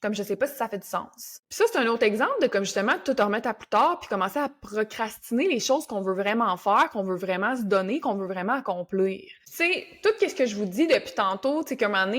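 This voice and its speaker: A young woman with a Québécois French accent hosting a motivational podcast, talking casually and coaching listeners with English words mixed in. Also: mid-range voice. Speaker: podcast host.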